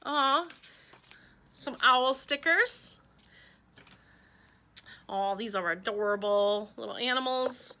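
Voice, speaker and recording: A woman's voice: a little high, slow pace, long pauses, sharp tone. A middle-aged woman from Wisconsin chatting casually as she opens fan mail, gushing and talking to her pet along the way. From Wisconsin, USA. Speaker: vlogger opening fan mail. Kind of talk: casual chat.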